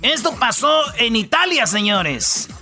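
A man's voice: very high voice, very animated, a little slow, bright, forceful tone, soft background music. Rowdy Mexican male radio host. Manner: rowdy, joking, slangy storytelling with put-on voices. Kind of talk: comedic radio banter.

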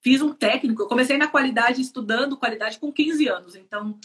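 Talking fast in a high, fairly bright voice, a Brazilian woman in her 30s from São Paulo state appears as a guest on a live interview. The production engineer laughs frequently and fills her speech with fillers, her accent Brazilian Portuguese.

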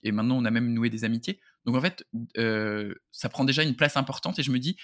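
Guy guesting on a podcast, mid-pitched voice, chatty, slangy n jokey. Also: fast talker, a bit bright. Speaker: podcast guest, book YouTuber. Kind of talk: casual chat.

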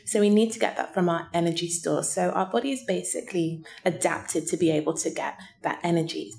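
A woman's voice: fairly low pitch, gravelly, darkish tone. A woman guest scientist explaining things simply, step by step, to young listeners in an interview.

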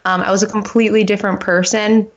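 A woman's voice: medium pitch, level tone, fast. A young woman in her twenties, a podcast co-host, telling her story in an upbeat way, with a slightly sleepy morning voice. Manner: upbeat, laughs easily, open about her past. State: early-morning voice. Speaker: podcast co-host, nutritional therapy practitioner. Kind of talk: casual interview storytelling. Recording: dull lo-fi call audio.

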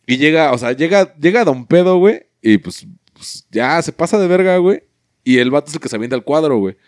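A man's voice: on the high side, animated, fairly quick, no echo, studio quality. A young man with a Mexican Spanish accent, telling crude, slang-filled stories in a casual chat and swearing constantly.

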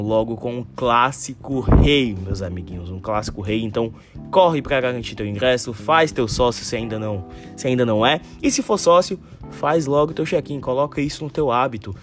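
Lisping man from Ceará over music. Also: mid-range voice. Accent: northeastern Brazilian, Ceará. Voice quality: tongue-tied lisp, slushy s sounds. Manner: informal, addresses listeners directly, frequent tag questions. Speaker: sports podcast host. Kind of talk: casual solo football news commentary.

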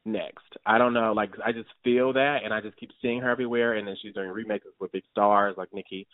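A man with a fairly low voice co-hosts a podcast and talks animatedly. He often jumps up in pitch to stress a point. His voice sounds thin and phone-like, dry and close. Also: steady tone, brisk, no echo. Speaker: podcast co-host. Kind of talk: casual chat.

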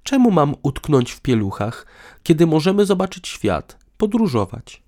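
A man's voice: on the high side, very animated, normal speed, warm tone, pitched above the performer's own voice. A man voicing an irritable, sarcastic young woman in an audiobook, with a raised, tense delivery. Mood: lecturing. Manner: sarcastic, combative. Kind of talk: audiobook dialogue.

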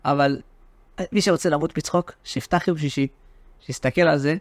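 Animated high-voiced man chatting about sports. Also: no echo. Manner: animated, teasing, tells stories with shifts in pitch. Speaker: podcast co-host. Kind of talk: casual sports podcast chat.

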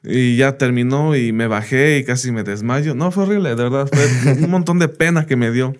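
This podcast guest, a teacher who grew up speaking English, tells stories at a moderate pace in a laid-back interview. His voice is mid-range, and "bla, bla" and "¿me entiendes?" come up often.

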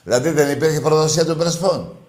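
A male radio sports host needling a caller in call-in banter, teasing and quick to get heated. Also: on the high side, a little mellow.

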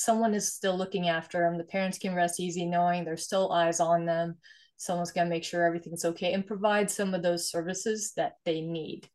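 As a guest in a conversational interview, a Swedish investor and nonprofit founder in her forties talks earnestly about her work, frequently adding "right?". Her voice is fairly low and a little mellow.

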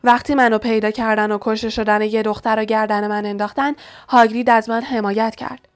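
A woman's voice: a little high, little pitch movement, clean tone, soft background music, lightly acted. A woman voicing an ancient, blind giant male spider in an audiobook, speaking in furious outbursts. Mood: angry. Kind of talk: audiobook reading.

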